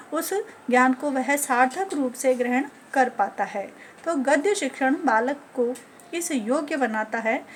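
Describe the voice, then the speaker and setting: A woman teacher educator giving a lecture on teaching methods, listing points one by one in a measured way. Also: high-pitched, slight background noise.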